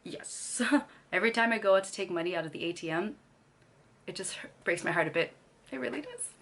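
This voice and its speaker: Speaking a little fast and with plenty of animation, a young woman from Canada chats to camera in a lowish, somewhat bright voice. She's a vlogger whose throat remains a bit scratchy from losing her voice, and she laughs frequently between sentences.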